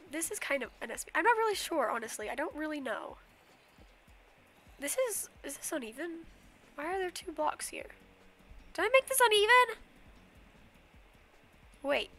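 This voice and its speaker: In a casual livestream from her bedroom, a young woman plays a game, rambles, and hums goofy nonsense, sniffling slightly from a cold. Her high voice sounds bright and forceful, with a little hiss or hum on the recording.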